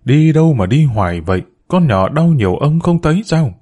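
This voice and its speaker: A man's voice: on the high side, sing-song, normal speed, warm tone. A man reading the lines of an earnest young boy, the eldest sibling, in a storybook tale, blunt and impulsive. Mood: indignant.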